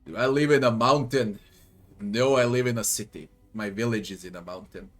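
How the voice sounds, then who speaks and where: Faint game music plays as a Serbian-accented man from Serbia narrates his playthrough, grumbling, cursing and muttering under his breath in casual commentary. He speaks at normal speed in a lowish voice.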